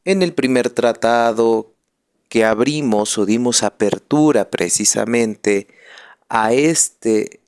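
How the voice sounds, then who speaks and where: A man's voice: on the low side, creaky, clean tone. Guy teaching catechism, friar, takes his time, leans hard on key words. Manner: emphatic, repeats phrases, leans on key words. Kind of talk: catechism video lecture.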